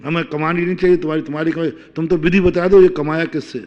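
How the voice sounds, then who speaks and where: Indian male monk giving a sermon, somewhat high-pitched, emphatic, asks the crowd questions. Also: fairly even intonation, fast talker, highs cut off. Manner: emphatic, rhetorical questions, swinging between loud and hushed. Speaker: Jain monk preacher.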